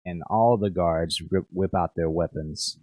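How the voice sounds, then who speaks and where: A male game master narrates a tabletop game in a low, deep voice. He speaks slowly and haltingly, restarting his sentences often. The sound is dry and close, with no room in it. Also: darkish tone, dry recording. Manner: halting, hesitant, many restarts.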